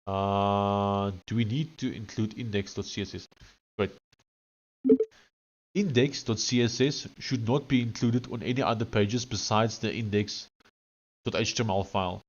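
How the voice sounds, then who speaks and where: A man's voice: lowish voice, fairly even intonation, a little slow, lo-fi sound. A man with a thick Afrikaans South African accent, chatting casually on a coding live stream and dictating instructions.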